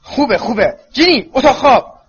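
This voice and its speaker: A man voicing an anxious, fierce middle-aged mother in a storybook reading, pitched high and shrill. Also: big pitch swings, a bit bright, slightly rough, heavily acted. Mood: agitated. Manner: shrill and pleading. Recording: dull lo-fi recording.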